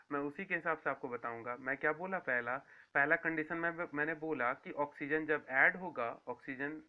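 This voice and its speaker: A man giving a school science lecture, repeating key terms and asking then answering his own questions. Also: a little high. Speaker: science teacher. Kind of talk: classroom lecture to students. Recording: tinny phone-like sound.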